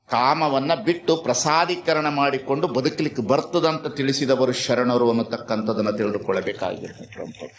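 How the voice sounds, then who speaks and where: A man giving a sermon as a spiritual teacher, dramatic and repetitive, swinging between soft and loud. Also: medium pitch.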